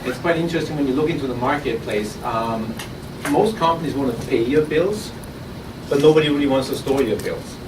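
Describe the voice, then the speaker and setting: In an echoing conference room at an innovation event, an Austrian-accented man pitches his startup live, a little fast and loose, stumbling over and repeating words as he restarts. He's well back from the microphone. The noisy audience recording carries a constant hiss of air and room sound under his voice.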